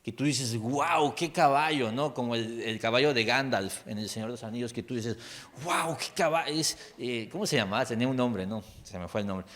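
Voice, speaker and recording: A man's voice: medium pitch, fairly quick, hardly any pauses, fairly bright tone. A man with a Mexican accent, a pastor giving a casual, joking sermon full of stories and rhetorical questions. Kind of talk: conversational sermon.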